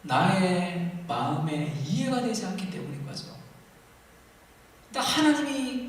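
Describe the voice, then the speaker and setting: Male pastor, passionate sermon delivery, distant mic in a reverberant hall. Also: high voice. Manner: impassioned, acts out quoted prayers loudly. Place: church sanctuary. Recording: echoey hall, voice from far off.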